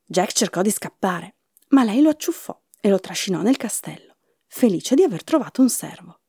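Expressive woman reading a fairy tale. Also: mid-range voice, moderate pace, breathy edge, no room sound, studio quality. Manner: expressive storybook narration. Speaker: storyteller.

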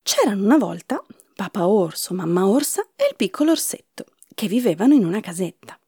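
Breathy, expressive woman reading a fairy tale. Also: mid-range voice, dry recording, studio quality. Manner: expressive, sometimes whispering. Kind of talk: storybook narration for children.

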